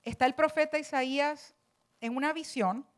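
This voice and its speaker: High-voiced woman preaching a sermon. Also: fairly even intonation, normal speed. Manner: passionate, rising to emphatic cries.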